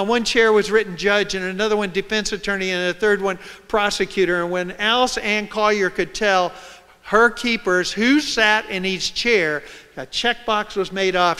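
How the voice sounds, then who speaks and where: Guy telling jail stories on stage, high bright voice, big echoey hall. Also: clear, resonant tone. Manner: dramatic, acts out scenes and quotes. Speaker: reporter giving a public talk. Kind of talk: storytelling lecture. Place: large lecture hall. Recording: reverberant hall.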